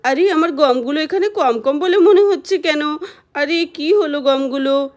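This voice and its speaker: A woman's voice: sits high, unhurried, a little mellow. A woman voicing a busy, fussy village mother who chides and mutters to herself in a doll cartoon. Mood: chiding.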